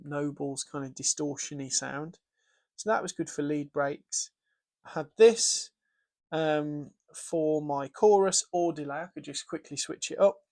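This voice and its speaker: A British man casually walking through his guitar pedalboard setup, thinking aloud with fillers and restarts. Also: fairly high pitch. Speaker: guitar gear presenter. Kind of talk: casual gear demo.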